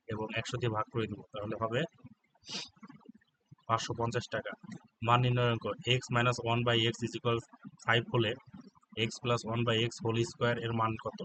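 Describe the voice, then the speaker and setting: A man with a Bangladeshi Bengali accent, working as an exam prep tutor and reading out exam answers in a monotone, dictating spellings letter by letter. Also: medium pitch, background noise.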